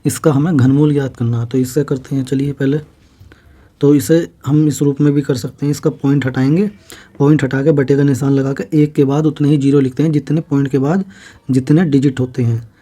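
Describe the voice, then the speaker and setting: A man's voice: medium pitch, fairly even intonation, dark tone. A man teaching a maths exam-prep lesson, walking through each step, asking questions and answering them himself. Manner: explains slowly, repeats steps, asks and answers own questions.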